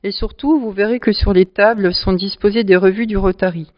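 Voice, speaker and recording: A woman who presides over a charity club, answering interview questions at length and pausing often to find her words. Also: medium pitch, steady tone, no echo. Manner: explanatory, speaks at length with frequent hesitations. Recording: dull lo-fi sound.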